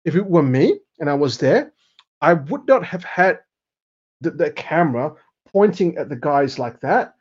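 A man's voice: a little high, big pitch swings, measured pace, slightly rough. A man on a panel show, giving casual, emphatic analysis and checking with 'right?'. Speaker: panel host. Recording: dull, band-limited audio.

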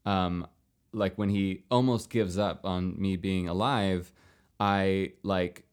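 A young man telling a long story in casual chat, rambling with many fillers and restarts, lively when he quotes others. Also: sits low, slow pace, clear, resonant tone. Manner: animated when quoting others.

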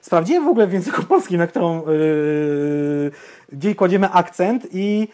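The young podcast co-host's voice sits high and his pace is normal. During casual chat he gets ranty and animated, speaking his opinions bluntly and with plenty of swearing.

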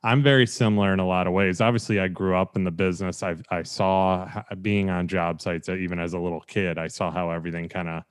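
A man's voice: deep voice, steady tone, fast, few pauses, clean tone. A man hosting a podcast interview, talking in a rambling, friendly way with lots of fillers. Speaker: podcast host. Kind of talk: casual interview.

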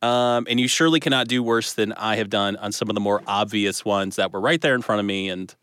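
A man's voice: on the low side, fairly quick, a bit bright, clear, resonant tone, dry recording. A man co-hosting a podcast, joking about himself in casual chat. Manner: dry, self-deprecating humor. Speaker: podcast co-host. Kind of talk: casual podcast chat over video call.

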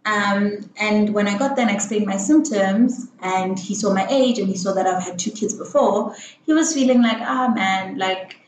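A woman's voice: medium pitch, moderate pace, a little mellow, slight background noise. A young woman telling a personal story frankly and candidly, rambling with many fillers and self-corrections. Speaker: vlogger. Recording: roomy echo, faint ambience.

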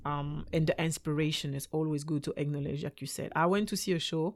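French-accented male guest, gravelly, chatty and filler-heavy. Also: on the high side, fairly even intonation, fast talker. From Belgium. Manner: laughing, loose phrasing with many fillers. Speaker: podcast guest. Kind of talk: casual podcast chat.

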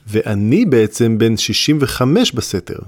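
A man voicing a clever, sarcastic young boy wizard in an audiobook reading, with a dry, deliberate delivery. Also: medium pitch, very animated, no room sound, lightly acted. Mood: sardonic. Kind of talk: audiobook character voice.

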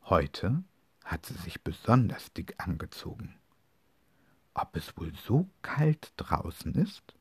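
A man reads a cozy children's story aloud in a deep, husky voice. His delivery is slow and lively in melody, gentle throughout, and the sound is dry and close. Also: dry recording. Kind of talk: storybook narration.

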